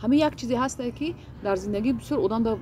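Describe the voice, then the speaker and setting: Earnest woman, halting speech. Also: fairly high pitch, background noise. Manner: earnest, hesitant, many restarts and fillers. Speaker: interview guest. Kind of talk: casual interview.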